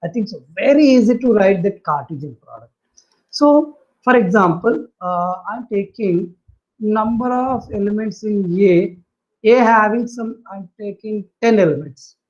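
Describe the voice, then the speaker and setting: A woman teacher with an Indian accent gives a maths lesson in a medium-pitched voice. She dictates notation piece by piece and repeats key phrases. The recording is dull and lo-fi. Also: lively intonation, a little slow, a little mellow. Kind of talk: maths lesson explained aloud to students. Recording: dull lo-fi audio.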